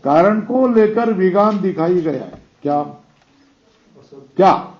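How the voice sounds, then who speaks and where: A man giving a scripture lecture, explaining slowly, quoting verses and asking his listeners to confirm. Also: high voice, expressive, dull audio. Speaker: teacher of scripture.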